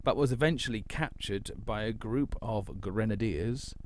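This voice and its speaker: A man's voice: on the low side, moderate pace, darkish tone, slight background noise. A man of around forty, co-hosting a casual chat and telling stories in a wry, hesitant way with many ums. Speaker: podcast co-host.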